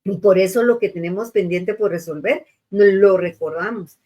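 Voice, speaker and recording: A woman's voice: medium pitch, normal speed, dark tone. A middle-aged woman hosting a show, talking earnestly about grief and faith and speaking straight to her listeners. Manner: earnest, addresses listeners directly, frequent tag questions. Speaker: radio or TV show host.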